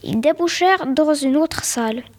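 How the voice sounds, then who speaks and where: A woman's voice: sits high, lively intonation, normal speed. A woman reading a short storybook tale aloud, telling it plainly and now and then stumbling or repeating a word.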